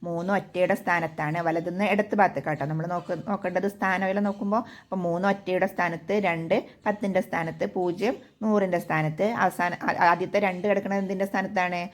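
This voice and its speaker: A woman's voice: fairly low pitch, fairly even intonation, fast. Malayalam-accented woman teaching maths. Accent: Kerala Malayalam. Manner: asks and answers her own questions, patient. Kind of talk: textbook lesson for children.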